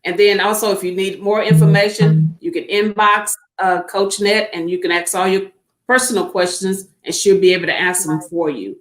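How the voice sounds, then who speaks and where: A woman's voice: medium pitch, fairly even intonation, moderate pace. A woman hosting a church talk program, wrapping up the show and giving out sign-up details. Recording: roomy echoey sound.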